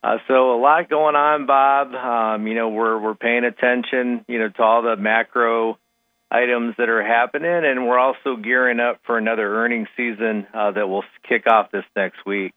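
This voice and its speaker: A man giving conversational market commentary as a radio analyst, talking in a halting way with frequent verbal hedges. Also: mid-range voice, steady tone, dry recording. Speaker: financial market analyst guest on a radio show. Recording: tinny, narrow phone-like line.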